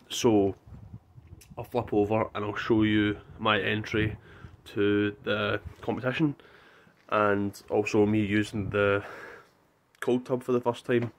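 A young man with a Scottish accent chatting casually to camera as a vlogger. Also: fairly low pitch. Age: young adult. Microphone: phone at arm's length. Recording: faintly noisy phone recording.

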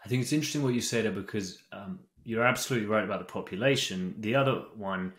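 A British man in his thirties hosting a podcast interview over a video call, talking in a lively way. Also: on the low side, quick pace, echoey room. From Britain. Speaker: podcast host. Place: home study. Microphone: desk microphone.

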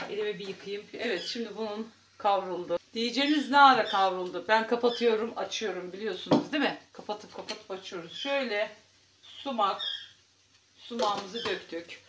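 A woman's voice: medium pitch, reverberant, distant mic, noisy background. A woman chatting casually to her viewers as she cooks at home, talking in a homely vlog style. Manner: chatty, talks to viewers while cooking. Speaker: home cooking vlogger. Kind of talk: casual cooking vlog chat. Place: home kitchen.

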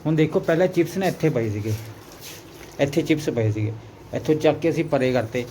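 A man's voice: on the high side, lively intonation, fairly quick, warm tone. A man with a Punjabi accent chatting casually for a home vlog, repeating phrases for emphasis, on a noisy handheld recording. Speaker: vlogger's husband filming along.

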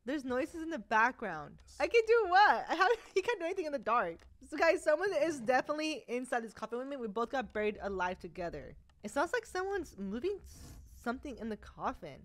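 A young woman with a high, light voice commentates her way through a horror game. She chats straight to her viewers and laughs nervously, talking along as she plays. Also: very animated, a little fast, hardly any pauses. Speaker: gaming YouTuber. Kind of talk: let's play commentary.

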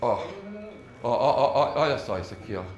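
In a roomy lecture hall, a man with a medium-pitched voice lectures to an audience at a moderate pace, with a little hiss or hum in the recording. He's animated, pointing at slides and repeatedly saying "ó, olha só".

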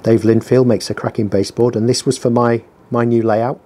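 This man's mid-range voice is level, brisk and mellow. A small business owner, he talks casually while working at his bench for a workshop vlog, rambling with dry humour at his own expense. A heater is running, and he's picked up by a mic on the bench below.

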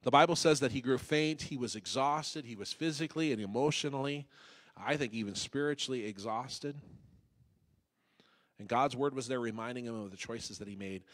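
A male pastor preaching a sermon, dramatic, swinging from loud urging to hushed pleading and acting out quoted voices. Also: medium pitch, moderate pace. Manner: voices God and Jonah in quoted asides.

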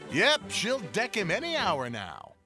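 A man's voice: high-pitched, huge pitch swings, a little slow, music in the background, heavily acted. An actor voicing a sarcastic male house cat who talks in dry wisecracks.

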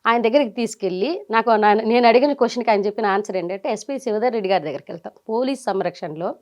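A middle-aged woman, telling her story as an interview guest in lively bursts and quoting people as she goes. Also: a little high. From Nellore region, India. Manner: animated, quotes people in quick bursts.

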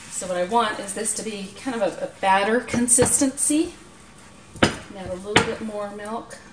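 With a mid-range voice and no rush, a middle-aged woman hosting a home cooking show explains how to make a dish in a down-to-earth, practical way. Kitchen clatter from dishes, utensils and clicks fills the roomy sound of her small indoor kitchen, captured on a far-away mic.

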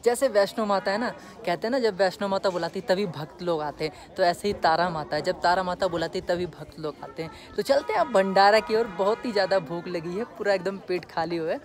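Faint music plays behind this high-pitched young man, who talks a little fast with hardly any pauses. Holding his phone at arm's length on a windy hill road, he films a casual travel vlog and chats right to his viewers.

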